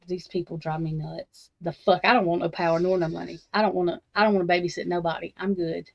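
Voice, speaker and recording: A woman's voice: fairly low pitch, flat delivery, fast, vocal fry. Profane, rambling woman ranting casually. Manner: blunt, profane, rambling with restarts. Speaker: true crime talk host. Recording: slightly dull, lo-fi sound.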